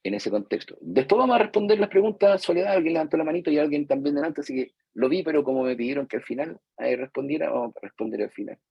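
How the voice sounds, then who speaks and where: Speaking fast with hardly any pauses, this Chilean man's voice is a little high, expressive, creaky, and slightly rough. A psychologist with a Chilean Spanish accent, he gives therapists a live, chatty lecture, playing the roles of patients and parents and tossing in "¿cierto?" again and again. The lo-fi audio has no room sound.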